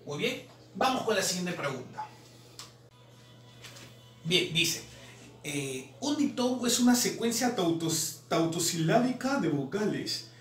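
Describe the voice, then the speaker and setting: A man's voice: high-pitched, sing-song, a bit bright, soft background music. A man teaching language exam answers, drawing out syllables as he explains. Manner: drawn-out repetition of syllables, explanatory. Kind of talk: exam solution lesson. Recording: roomy, distant mic, faint noise.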